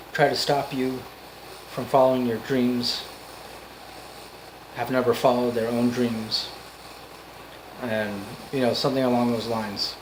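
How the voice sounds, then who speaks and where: A man giving an off-the-cuff motivational monologue, earnest and emphatic, in halting phrases that repeat for emphasis. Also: medium pitch, background noise. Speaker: amateur motivational speaker.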